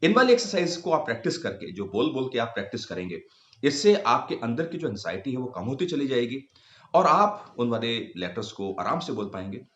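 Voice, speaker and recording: A man speaking Hindi as a speech coach, his voice rising and falling freely as he explains. He patiently sounds out single letters slowly for his viewers. The recording is roomy and echoey, with a slightly muffled, dull tone. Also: medium pitch, very animated, fairly bright tone.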